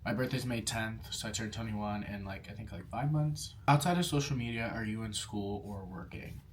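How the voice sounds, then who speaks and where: A man's voice: on the low side, moderate pace, a little hiss or hum. A man in his early twenties chatting casually as he eats and answers viewer questions, with many "like" fillers. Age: young adult. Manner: chatty, lots of "like" fillers, talks between bites. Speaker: food vlogger. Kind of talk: casual mukbang Q&A while eating.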